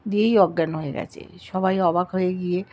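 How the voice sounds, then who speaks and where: A woman's voice: fairly low pitch, fairly even intonation, fairly quick, warm tone, muffled recording. Lady recapping a tv serial episode, reads everyone's lines in the same plain voice.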